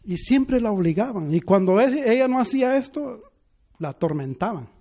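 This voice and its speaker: A man preaching an impassioned sermon, telling a story and swinging from hushed passages to loud, emphatic ones. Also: high-pitched, expressive, moderate pace. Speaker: pastor.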